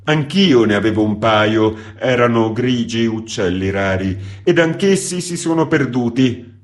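A man voicing a contrite, talkative male typesetter who rambles and pleads loudly. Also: medium pitch, expressive, unhurried, voice pushed up, close to an everyday voice. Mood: rambling.

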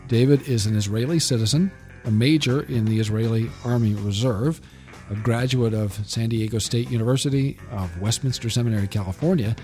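A man hosting a podcast interview, speaking in a measured way with some hesitations. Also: medium pitch, dark tone. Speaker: podcast host.

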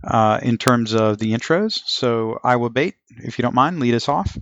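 A middle-aged man with a creaky voice of average pitch hosts a casual podcast. He talks in a folksy, joking way, and the sound is dry and a little dull. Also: animated, normal speed, fairly bright tone, no echo. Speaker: podcast host. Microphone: online voice chat, close. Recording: dull, lo-fi voice chat.

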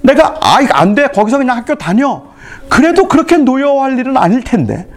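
A man's voice: very high voice, very animated, a little fast. A middle-aged male pastor giving a retreat sermon, telling family stories and acting out the dialogue. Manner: storytelling, acts out family dialogue.

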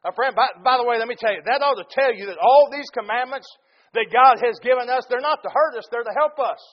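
A man's voice: extremely high pitch, quick pace, highs cut off. A man preaching a sermon, talking earnestly and directly to the congregation and building emphatic repeated lists.

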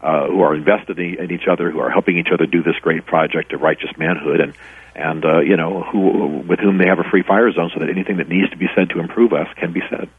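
His voice low with a breathy edge, the middle-aged former pastor and author talks fast and fairly evenly. The radio interview is dry and tinny over the phone, and he tells his stories earnestly with many restarts.

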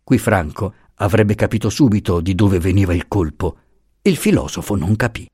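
A male audiobook reader with a husky, slightly breathy voice and a lively, rising and falling melody. He narrates the novel expressively, recorded close up and dry with no room sound. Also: deep voice, normal speed, no room sound. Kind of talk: scripted narration of a classic novel.

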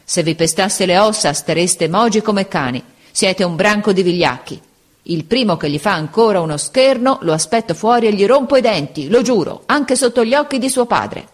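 A storybook reader voicing a brave schoolboy who shouts at his classmates, his voice choked with anger. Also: medium pitch, lively intonation, normal speed, pitched above the performer's own voice, natural voice. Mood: furious. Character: schoolboy in fury, brave and protective.

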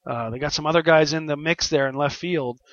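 A man's voice: on the high side, brisk, a bit bright, no room sound. A man giving informal sports analysis as a regular radio contributor. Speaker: baseball analyst and columnist. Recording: slightly dull, muffled line.

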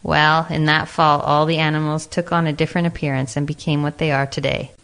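Brief: low-pitched woman, storybook narrator, gentle and expressive. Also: a little fast, clear, resonant tone.

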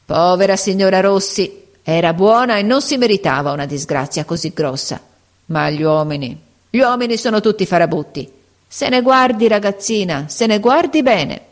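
A woman's voice: medium pitch, expressive, normal speed, close to an everyday voice. A woman reading aloud voices an older woman concierge who talks in an ironic, imperious, suspicious way.

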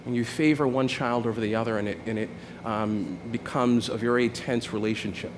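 A man's voice: medium pitch, steady tone, fairly quick, a little hiss or hum. Conversational male pastor preaching. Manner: conversational, repeats "right?" often, many restarts. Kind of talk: sermon.

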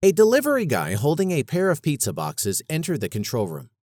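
A man reading a story aloud as narrator, brisk and lively with character voices. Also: a little high, no room sound, clean studio sound.

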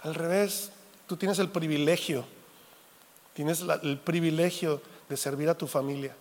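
A man, preaching a sermon as pastor in a jokey, animated way, acting out little quotes. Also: on the high side, a little slow. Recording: reverberant hall.

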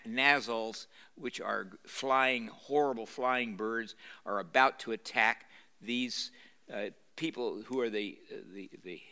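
A man's voice: medium pitch, sharp tone, clear, resonant tone. A man giving an informal talk in a university lecture room, retelling a novel and reading passages aloud, with many fillers and restarts. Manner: halting, full of fillers and restarts. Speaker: speaker at a church-hosted book talk.

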